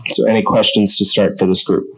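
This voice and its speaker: A man moderating a media day press conference, introducing guests and calling for questions in a brisk, businesslike way. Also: fairly low pitch, level tone, bright, forceful tone, slightly rough, rough recording.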